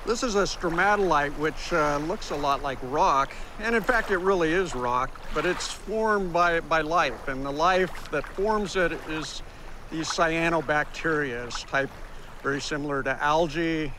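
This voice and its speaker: A man's voice: on the high side, measured pace. A man speaking as a scientist, explaining what he sees in an outdoor field interview. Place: outdoors on a lake shore. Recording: outdoor field recording with clear ambient noise.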